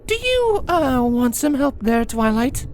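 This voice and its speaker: A man reading a storybook, voicing a nervous disguised female insect queen in a hesitant falsetto. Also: very animated, measured pace, full character voice.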